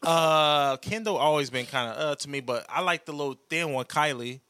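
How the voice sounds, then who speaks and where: A man's voice: fairly high pitch, normal speed, sharp tone, slight background noise. A man co-hosting a casual podcast, joking in slang and acting out what people would say. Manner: joking, slangy, acts out quoted remarks. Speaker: podcast co-host.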